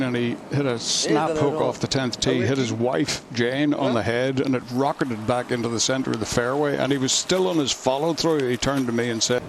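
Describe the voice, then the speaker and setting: A man's voice: mid-range voice, very noisy. A man giving live golf commentary with a wry, jokey manner.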